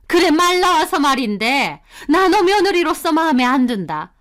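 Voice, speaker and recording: A woman voicing a cold, older mother-in-law who scolds with indignant, sharp retorts. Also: high-pitched, voice pushed up.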